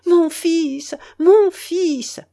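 An anguished aristocratic mother from a storybook novel, as a woman reader puts her on, her voice climbing high and wavering. She pleads in breathless, rising cries. The delivery is slow and full of swings. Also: lively intonation, darkish tone, exaggerated voice. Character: strained aristocratic mother, overwrought noblewoman.

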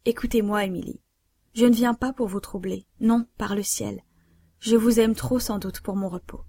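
Woman voicing a lovesick nobleman, urgent, imploring, gravelly dry voice, storybook reading. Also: mid-range voice, fairly even intonation, moderate pace, warm tone, no room sound. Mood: pleading. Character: desperate pleading nobleman in love.

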